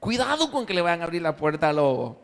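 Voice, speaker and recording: A strict, caring mother goat warns in a raised, motherly voice, as a male preacher acts her out. The lively lilt rises high and echoes in a large church hall. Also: fast, vocal fry, full character voice. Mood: warning. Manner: warning, motherly tone.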